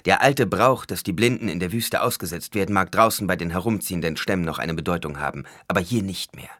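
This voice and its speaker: A man voicing a blinded young ruler who speaks in a calm, measured, authoritative way. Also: deep voice, dry recording. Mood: firm.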